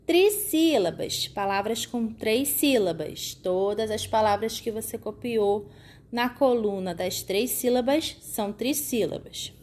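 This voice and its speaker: Slow, patient woman teacher. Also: medium pitch, darkish tone. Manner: slow, patient explaining with frequent "tá?" and "né?" checks; stretches out words when sounding out syllables. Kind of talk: recorded classroom lesson for children.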